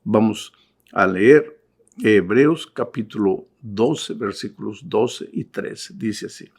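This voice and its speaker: A middle-aged male pastor giving an impassioned Bible study sermon, driving points home with emphatic repetition and swinging between loud appeals and hushed tones. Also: lowish voice, takes it slowly, vocal fry, slightly rough.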